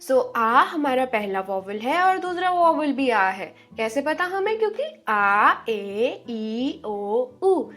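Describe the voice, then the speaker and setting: A woman giving an online language lesson, drawing out each word slowly and asking the viewers questions. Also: sits high, very animated, a bit bright, faint music behind. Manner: slow, drawn-out spelling of each word; encouraging, asks questions to viewers. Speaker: language teacher.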